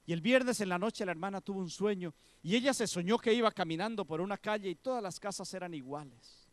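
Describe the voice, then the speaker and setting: A man, a pastor preaching and telling a story, acting out the people in it in soft, hushed voices. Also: high-pitched, fairly quick, no room sound. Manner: animated storyteller, voicing the women in the story with soft, hushed tones. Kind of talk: sermon storytelling.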